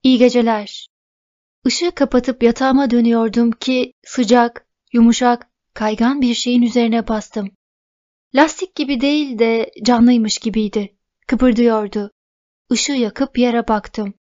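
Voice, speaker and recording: A woman's voice: fairly high pitch, a little slow, dull audio. Woman narrating an audiobook. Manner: steady storytelling. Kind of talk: first-person novel reading.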